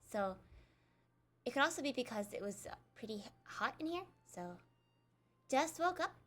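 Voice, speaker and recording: A woman's voice: high-pitched, sing-song, moderate pace, fairly bright tone. A young adult woman chatting casually while she streams a video game, rambling and self-deprecating as she talks. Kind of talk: casual gameplay chat.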